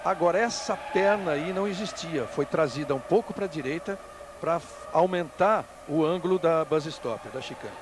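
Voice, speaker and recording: A man's voice: on the high side, moderate pace. A man with a Brazilian Portuguese accent giving live technical analysis as a motorsport commentator, explaining in a conversational way. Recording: clear engine and track noise behind. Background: race cars and outdoor ambience.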